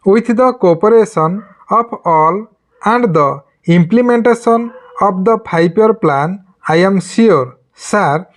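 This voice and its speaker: A mid-pitched reader dictates a formal speech for shorthand practice. The pace is slow and measured. Sentences come in short, deliberate groups of words, separated by pauses. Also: animated.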